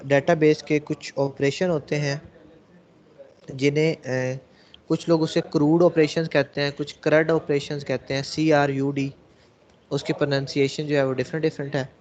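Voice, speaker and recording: A man's voice: on the high side, little pitch movement, moderate pace, a little mellow. A male programming teacher giving a classroom lecture, explaining step by step and answering his own questions to the class. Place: classroom with students.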